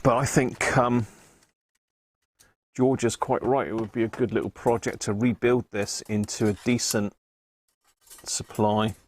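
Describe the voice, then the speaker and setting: This is an electronics repair livestream: the host, a man, chats and thinks out loud at his workbench indoors. He speaks at a medium pitch in a steady, unhurried tone, leaving long pauses, with slight noise in the background.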